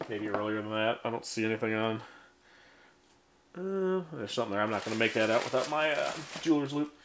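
A man's voice: on the low side, animated, brisk. A man in his thirties casually talking through a box of vintage toys as host of his collecting channel, rambling and joking at his own expense with lots of ums. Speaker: toy collector vlogger. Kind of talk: casual unboxing chat. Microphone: handheld camera, then on a tripod. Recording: faint background noise.

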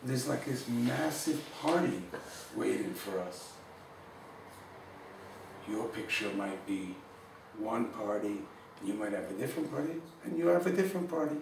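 A man giving an informal Torah class, telling a story warmly and mixing in Hebrew and Yiddish words. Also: medium pitch, lively intonation, measured pace, gravelly, recorded from a distance, noisy background. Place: room in Jerusalem. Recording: echoey room, speaker away from the mic.

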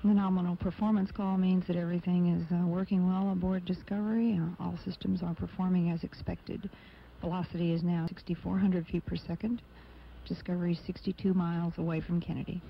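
Male mission control commentator, monotone, gravelly fry, formal, measured, dull sound with faint noise. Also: sits high. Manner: formal, measured, even announcing. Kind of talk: live technical flight commentary.

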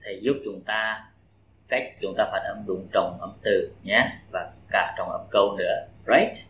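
A man's voice: on the low side, steady tone, echoey room, muffled recording, a little hiss or hum. Vietnamese man drilling English stress. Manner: slow, stressed model reading in English, quick explaining in Vietnamese. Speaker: English teacher. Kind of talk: classroom pronunciation drill.

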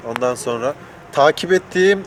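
A man's voice: a little high, lively intonation, moderate pace. Joking man interviewing outdoors, street noise. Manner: joking, teasing. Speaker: host interviewer. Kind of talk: casual outdoor chat interview. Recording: clear outdoor traffic and vehicle noise. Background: urban outdoor ambience with vehicles.

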